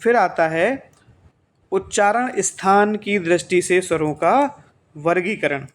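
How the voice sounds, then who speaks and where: A man's voice: sits high, takes it slowly. A male teacher giving an exam-prep grammar lesson, who asks the class questions, answers them himself and repeats the key points.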